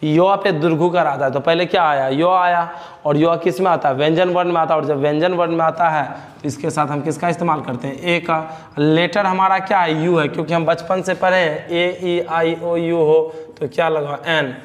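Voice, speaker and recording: A male teacher with a Bihari Hindi accent, his voice sitting a little high as he drills a grammar lesson. He keeps asking the class a question and answering it himself, repeating key terms. The sound carries a long reverberant tail. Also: fairly even intonation, moderate pace.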